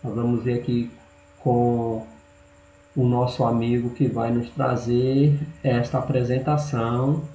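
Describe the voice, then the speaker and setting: A Brazilian man presents a lesson in a mellow, unhurried voice with halting phrases. The recording is dull and roomy, with a faint hum behind him. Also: medium pitch, little pitch movement. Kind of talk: slide lesson, partly reading text aloud.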